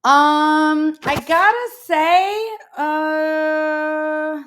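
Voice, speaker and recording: Woman co-host, fairly high voice, relaxed rambling chat full of "um" and "uh". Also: extremely slow, slight background noise. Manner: chatty, rambling, many fillers. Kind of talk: casual podcast chat.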